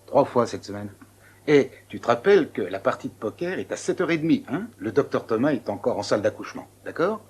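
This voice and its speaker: A jovial, husky hospital pal. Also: male voice, medium pitch, very animated, a little fast. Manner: jovial, familiar. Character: friendly man hospital staffer, chummy. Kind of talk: French film dub.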